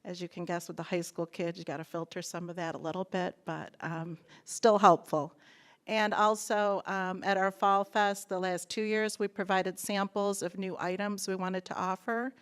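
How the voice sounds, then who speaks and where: A woman's voice: medium pitch, little pitch movement, moderate pace, clear, resonant tone. A woman presenting a report on school meals to a school board and taking questions, in a conversational tone. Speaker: school food service director.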